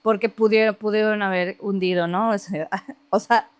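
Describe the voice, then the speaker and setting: A woman telling a story from her childhood in casual, lively conversation, laughing often and imitating other people's voices. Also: medium pitch, normal speed, clean tone, no room sound. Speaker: podcast guest.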